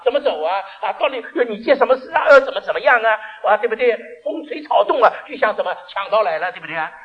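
A man voicing an anxious young man who frets about a long, lonely road ahead, with loud, high exclamations. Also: lively intonation, fast, slightly rough, dull audio. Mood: fretful.

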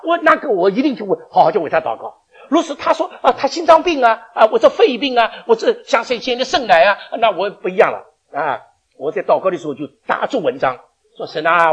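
A man's voice: high voice, husky. A man preaching a sermon, telling stories in a chatty way with laughs and stammered restarts.

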